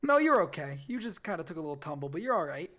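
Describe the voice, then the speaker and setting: A man's voice: fairly high pitch, sing-song, quick pace, fairly bright tone. A man narrating a tabletop game as game master, describing scenes in a loose, rambling way with lots of fillers.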